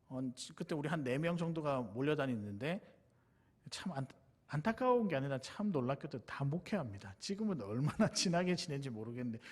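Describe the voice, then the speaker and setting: Middle-aged male pastor, somewhat high, husky voice, earnest sermon storytelling. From Busan, South Korea. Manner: earnest, confessional, addresses the congregation directly. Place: church sanctuary.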